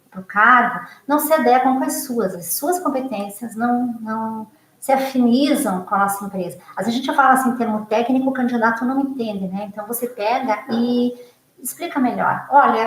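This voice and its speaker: A woman's voice: fairly high pitch, reverberant, a little hiss or hum, rough recording. A Brazilian woman psychologist in casual talk, answering her students' questions, often tagging "né?" onto her sentences. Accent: Brazilian Portuguese. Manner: warm, conversational, many "né?" tag questions. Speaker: psychologist and teacher.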